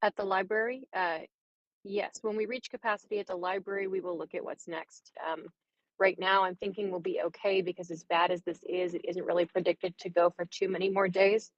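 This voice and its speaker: A woman's voice: lowish voice, fairly even intonation, brisk, no room sound. A woman city department director answering reporters over a video call, hesitant with frequent ums, her audio glitching and cutting out. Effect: glitchy audio that keeps cutting out. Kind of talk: answering reporters at a press briefing. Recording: dull lo-fi video call line.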